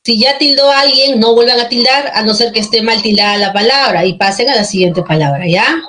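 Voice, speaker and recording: A woman's voice: on the high side, fairly quick, bright, forceful tone, low-quality recording. A woman teaching an online class, patient and checking often that students follow, with a Peruvian Spanish accent.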